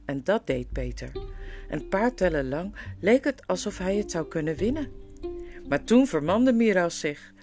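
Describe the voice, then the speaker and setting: A woman giving lively, expressive storybook narration for an audiobook. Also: lowish voice, unhurried, soft background music.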